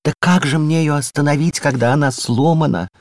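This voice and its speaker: A man's voice: on the high side, fairly quick, darkish tone, pitched above the performer's own voice, close to an everyday voice. A man voicing a timid, gloomy male padlock in a storybook reading, meek and easily bewildered.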